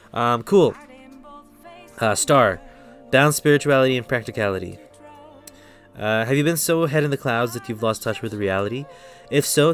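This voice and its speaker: A man from the Philippines with an American accent and a lowish voice gives a tarot reading on a live stream. His delivery is relaxed and rambling, and he often stops to correct himself.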